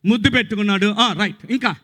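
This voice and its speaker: High, bright-voiced preaching pastor, man. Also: quick pace, in a large hall. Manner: call-and-response preaching, swings between shouts and low murmurs. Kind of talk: sermon. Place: outdoor gospel meeting.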